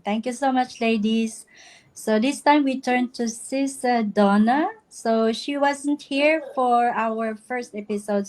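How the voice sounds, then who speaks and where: A woman's voice: fairly high pitch, darkish tone, rough recording. A woman from the Philippines hosting a casual live chat, friendly and laughing between lines. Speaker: livestream host.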